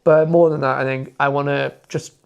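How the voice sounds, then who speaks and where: A young Welsh man who speaks Welsh fluently appears as a podcast guest and motoring content creator, chatting in a rambling, enthusiastic way full of fillers and restarts during a casual interview. His mid-range voice is smooth, with vocal fry and little pitch movement, at normal speed, and the sound is lo-fi.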